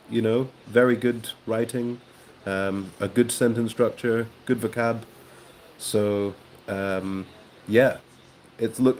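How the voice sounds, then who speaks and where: A man hosting a live stream, chatting casually with viewers in a relaxed way, with frequent ums and soft laughs. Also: fairly low pitch, slight background noise. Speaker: host of a live watchalong stream.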